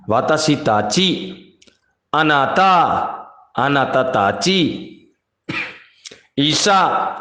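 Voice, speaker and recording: A man leads a beginner grammar lesson, repeating words and drawing out English examples. His voice sits high and swings widely in pitch. The room around him is echoey. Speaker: Japanese language teacher. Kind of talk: classroom-style grammar lesson.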